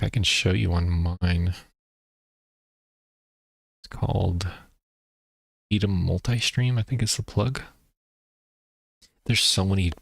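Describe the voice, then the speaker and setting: A man streaming a video game, talking in a rambling, casual way with a deep voice and explaining things between plays. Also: gravelly, breathy edge, dry recording, studio quality. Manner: rambling, explains while playing, many fillers. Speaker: gaming streamer. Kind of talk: casual gameplay chat. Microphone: streaming microphone.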